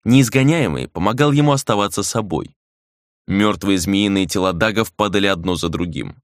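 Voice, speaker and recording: A man reading a dark fantasy novel aloud as an audiobook narrator, measured and dramatic, slowing down for emphasis. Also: lowish voice, no echo, studio quality.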